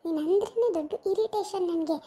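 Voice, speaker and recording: A woman's voice: very high-pitched, fast talker, a little hiss or hum. A woman playing a jealous, hot-tempered young wife in an amateur village drama, who hurls scornful insults. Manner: scornful, accusing, shouting insults.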